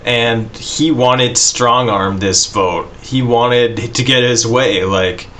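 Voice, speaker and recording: A man co-hosting a casual podcast chat, relaxed and quick to laugh, with a lot of "like" and "you know.". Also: medium pitch. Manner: laid-back, laughs often, says "like" and "you know". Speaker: podcast co-host.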